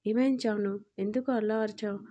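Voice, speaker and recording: Teasing, doting young husband, read by a woman storyteller; warm, level delivery for an audio story. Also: mid-range voice, steady tone, fairly quick, highs cut off, natural voice. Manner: playful and doting.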